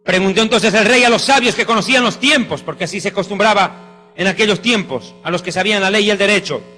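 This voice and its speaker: Fervent high-voiced preacher in a hall. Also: male voice, fast talker, pushed and bright. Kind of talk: sermon. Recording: reverberant hall with faint music.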